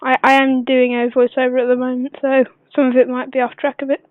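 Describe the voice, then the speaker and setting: A woman who is unwell gives a casual gameplay tutorial voice-over, speaking quietly but clearly in a hesitant, rambling way. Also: high voice, monotone, fast, dry recording. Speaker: gaming video maker. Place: voice-over recorded at a computer. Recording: dull lo-fi computer recording, dry.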